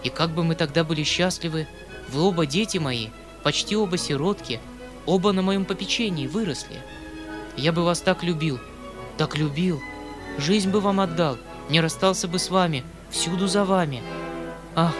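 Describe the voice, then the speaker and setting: An emotional, soft-hearted old uncle who pleads and exclaims, as a male audiobook reader puts him on. The voice sits a little high, and faint music plays under the reading. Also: natural voice. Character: emotional kindly older male uncle, anxious.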